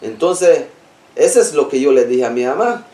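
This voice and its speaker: A man's voice: mid-range voice, expressive, normal speed, mellow, recorded from a distance. A man telling a personal experience in a plain, conversational storytelling style, linking events one after another. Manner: plain, repetitive telling, links events with "entonces". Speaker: interviewee recounting a personal experience. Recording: roomy sound, speaker away from the mic.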